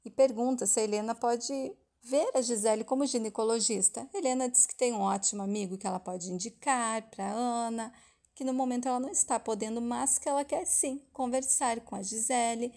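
Woman, Brazilian Portuguese accent, casual soap opera recap, chatty storyteller, fairly high voice. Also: fairly even intonation, dark tone. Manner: chatty storytelling, quick linking phrases.

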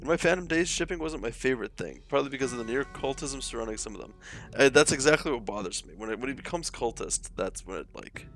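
Young male streamer, casual rambling chat during a game stream, mid-pitched voice. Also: animated, fast, gravelly, a bit bright, soft background music. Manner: rambling, many fillers and restarts. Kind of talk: live game playthrough with chat.

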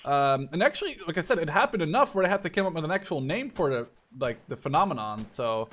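A gaming video creator in his twenties, from Canada or the Netherlands, rambles through casual gameplay commentary, often cutting himself off mid-sentence and swearing. His voice is fairly high and sing-song, with a quick pace and a fairly bright tone.

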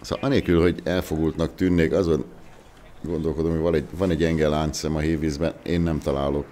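Casting: bass-voiced male local football commentator, unhurried and reflective. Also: little pitch movement, mellow, a little hiss or hum.

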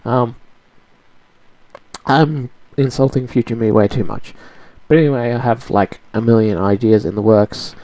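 A man's voice: medium pitch, steady tone, measured pace, mellow, no room sound, poor audio. A young Australian man vlogging from home, rambling and self-mocking. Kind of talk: casual chat.

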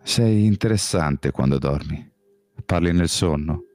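A man reading an audiobook voicing an intense, brooding young male vampire in a soft, earnest, pleading way. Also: extremely low pitch, unhurried, no echo, soft background music. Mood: teasing.

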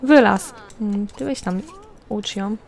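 A gameplay commentator speaks at normal speed with a medium pitch and darkish tone. Her let's-play commentary on a life-simulation game is casual, addressed to the characters as well as the audience.

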